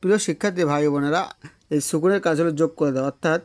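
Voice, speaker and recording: A man teaching a beginner Quran reading lesson, slowly repeating letter sounds for his students. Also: a little high, darkish tone, no echo. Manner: slow, repetitive drilling of letter sounds.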